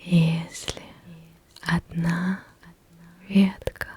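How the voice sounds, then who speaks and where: A woman whispering ASMR affirmations in a soft, breathy, barely audible voice, repeating phrases as they fade away. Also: fairly low pitch, little pitch movement. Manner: very slow, repeats phrases in fading echoes. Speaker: ASMR creator.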